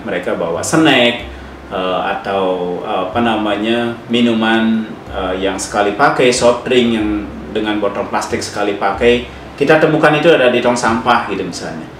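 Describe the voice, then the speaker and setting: A man's voice: on the low side, slight background noise. A man gives an earnest, motivational instructional talk to students, exhorting them with repetitive phrasing. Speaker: tourism speaker addressing hospitality students. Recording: very echoey, distant mic, music behind. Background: background music.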